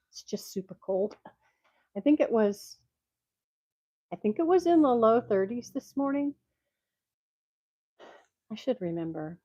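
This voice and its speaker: A woman's voice: mid-range voice, dark tone, no room sound. An older woman chatting at home through a microphone on her glasses, congested and sounding tinny like a tin can, rambling and laughing often. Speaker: vlogger reading jokes. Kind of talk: casual chat. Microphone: microphone clipped to her glasses. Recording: dull lo-fi tinny recording, dry.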